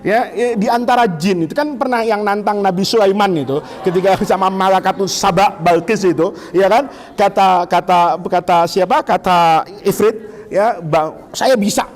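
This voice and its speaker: A middle-aged Indonesian man giving an Islamic lecture to students in a lively, teasing way, asking them questions. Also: high voice, normal speed. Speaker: Islamic teacher. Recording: long hall reverb.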